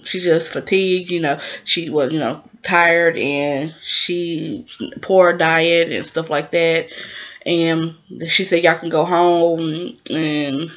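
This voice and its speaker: A woman casually recapping a drama episode in a rambling way, with plenty of fillers. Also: lowish voice. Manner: rambling, many fillers, acts out the characters' lines. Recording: dull lo-fi recording.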